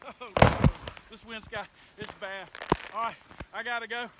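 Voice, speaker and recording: Outdoors, with clear wind and storm noise around him, a man speaks in a notably high voice with a Southern US accent. He plays amateur weather reporter in a folksy, excitable way, casually addressing his viewers live. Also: normal speed. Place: outdoors up a tree in wind and rain. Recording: windy outdoor noise, clicks and rumble. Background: storm wind and rain.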